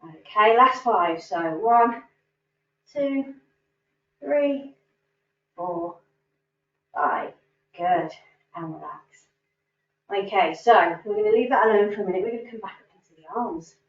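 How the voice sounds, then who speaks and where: On a distant, roomy recording with a dull sound, a woman leads a standing cardio class as its instructor. She speaks at medium pitch and moderate pace, counting reps with upbeat encouragement.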